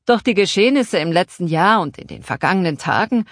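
A woman reading the part of a worried middle-aged husband in an audiobook, speaking slowly and hesitantly. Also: fairly low pitch, animated, dry recording, clean studio sound. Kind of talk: audiobook character voice.

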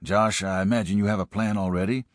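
A man voicing a gruff, weary middle-aged small-town sheriff giving orders. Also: fairly low pitch, fairly even intonation, quick pace, no room sound, studio quality, pitched above the performer's own voice, natural voice. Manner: gruff, commanding.

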